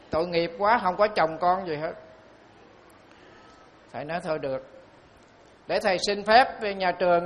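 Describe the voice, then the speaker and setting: Monk telling stories. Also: male voice, high-pitched, a bit bright. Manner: storytelling, slow and emphatic on key phrases. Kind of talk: sermon.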